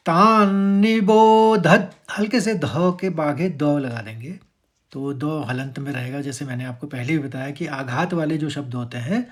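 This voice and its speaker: A man teaching how to pronounce a Sanskrit verse, patiently breaking words into syllables and chanting the lines louder and drawn out. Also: mid-range voice. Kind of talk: verse pronunciation lesson.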